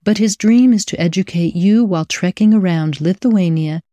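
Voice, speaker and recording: A woman's voice: on the low side, normal speed, mellow, dry recording. A woman hosting a podcast, reading scripted intros and interviewing a guest in an upbeat, effusive way. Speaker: podcast host.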